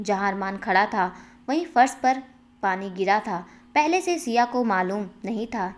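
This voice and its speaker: A woman reading aloud a family love story in a plain, steady narrating voice. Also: medium pitch.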